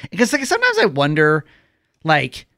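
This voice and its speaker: Male co-host, casual chat, high-ish voice, dry studio sound. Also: moderate pace, dry recording. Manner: animated storytelling with acted quotes. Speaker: podcast co-host.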